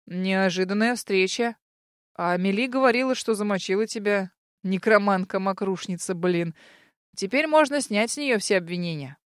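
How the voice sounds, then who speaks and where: A woman's voice: mid-range voice, normal speed, smooth, dry recording, clean studio sound, close to an everyday voice. A woman voicing a sarcastic, mischief-loving horned man in a storybook, drawling and mocking.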